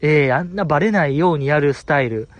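A young man with a Kansai accent chatting casually as a podcast host, animated and laughing, acting out quotes in a high voice. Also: fast. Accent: Kansai Japanese. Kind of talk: solo casual chat about a variety show.

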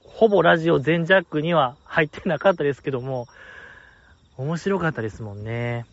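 Fairly quick and on the high side, a Kansai-accented man hosts a podcast, playfully going through listener mail in a casual chat. He laughs often as he comments, and the audio is dull, dry lo-fi.

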